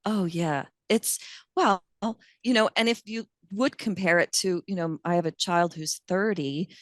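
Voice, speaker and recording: A woman's voice: fairly low pitch, measured pace, no echo. A woman in her fifties, a nurse and guest, reminiscing thoughtfully in a casual interview and thinking aloud as she goes. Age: 50s.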